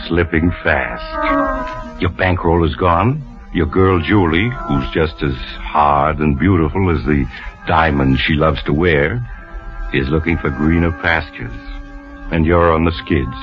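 An actor playing a sinister, knowing mystery host who narrates an old radio thriller in a theatrical, ominous manner. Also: male voice, extremely low pitch, heavily acted. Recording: muffled old radio recording with loud music.

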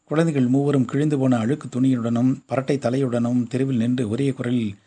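A man narrating a short story in a steady storytelling manner. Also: mid-range voice, normal speed, slightly rough.

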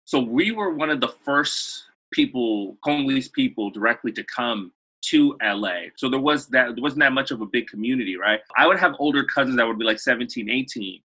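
A man in his thirties from Los Angeles, talking as an interview guest in a loose, rambling way full of fillers and restarts. His voice is husky and breathy, yet he pushes it forward with a bright, forceful edge. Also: medium pitch, expressive, brisk, poor audio. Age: 30s. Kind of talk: casual interview storytelling.

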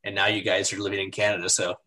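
A man hosts a podcast interview, upbeat and conversational, with a voice sitting a little below average pitch. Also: level tone, quick pace, sharp tone. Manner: upbeat, with frequent "you know" and "uh" fillers. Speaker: podcast host.

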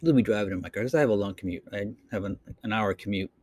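A podcast host from Boston, Massachusetts, races through an off-the-cuff solo monologue into his computer mic, his Boston accent coming through amid lots of fillers and restarts. His pitch is fairly low, with a slightly mellow tone.

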